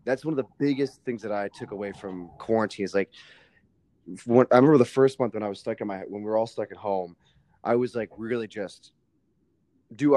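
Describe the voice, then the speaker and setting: A guest on a podcast, the young man has a fairly low, slightly mellow voice, recorded dry. The conversation is casual, and he speaks with emphasis, lots of fillers and some relaxed swearing.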